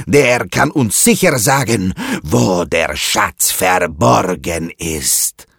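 A man voicing a fearsome pirate captain who shouts orders in a children's audio story. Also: low voice, lively intonation, slow pace, vocal fry, breathy edge, dry recording, studio quality, heavily acted. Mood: commanding. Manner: barking loud orders. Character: fearsome male pirate captain, gruff bully.

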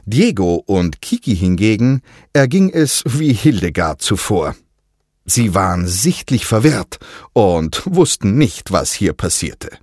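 A man narrating a children's storybook in an expressive, leisurely way. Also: deep voice, no room sound, studio quality.

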